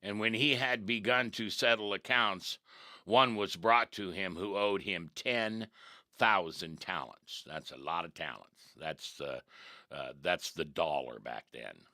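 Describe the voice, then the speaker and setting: A man teaching as a pastor, reading scripture aloud and breaking in with lively, animated asides. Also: deep voice, measured pace, no room sound, studio quality. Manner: reads scripture then comments, animated asides. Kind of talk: devotional teaching.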